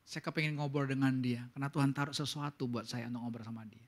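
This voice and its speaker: A man preaching a church sermon in an animated way, his pitch climbing for emphasis and English words mixed into his speech. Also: fast. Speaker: pastor. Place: church service.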